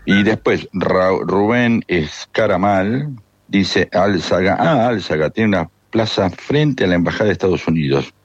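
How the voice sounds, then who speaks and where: A man with a Rioplatense Spanish accent hosting a radio show, reading listener messages with relaxed asides. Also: deep voice, a little slow, breathy edge, muffled recording. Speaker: radio host.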